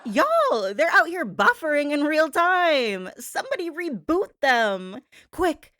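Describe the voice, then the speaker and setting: With a high-pitched voice and big swings in pitch, a woman hosts a staged gossip-show monologue. She's sassy and theatrical, leaning on drawn-out words for emphasis and calling her listener "babe." The recording is very noisy.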